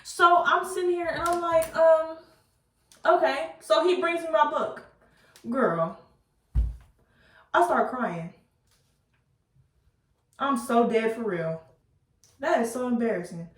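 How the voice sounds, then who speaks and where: A woman telling a storytime to her viewers while doing her hair, chatty and animated, laughing at herself and using casual slang. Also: high voice, slow, pauses often. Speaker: beauty vlogger. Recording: roomy, slightly distant mic.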